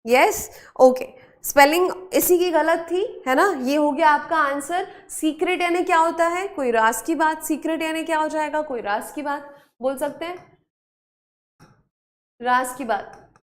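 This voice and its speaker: High-voiced woman teaching spelling. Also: unhurried. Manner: coaxing, repeats questions and answers to students; mixes Hindi with English words. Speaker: English teacher. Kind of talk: online vocabulary and spelling class.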